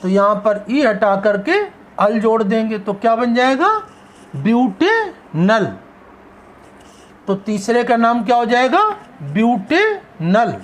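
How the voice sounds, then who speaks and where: A man's voice: very high voice, normal speed, a bit bright. Man, chemistry teacher, classroom lecture, asks and answers his own questions, draws out key words. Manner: asks questions and answers them himself, drawing out key terms.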